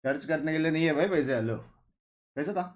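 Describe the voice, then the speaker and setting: A man's voice: fairly high pitch, lively intonation, fast talker. A young man with an Indian accent, hosting a game watch-party stream and joking with his viewers in casual chat, slipping English phrases into his talk. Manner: chatty and joking, mixes English into Hindi.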